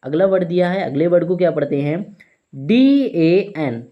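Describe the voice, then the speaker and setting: A man's voice: high-pitched, steady tone, lo-fi sound. Man teaching English words in Hindi. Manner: asks questions then answers them, spells letters out slowly; repeats "ठीक है" often. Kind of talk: English vocabulary lesson in Hindi.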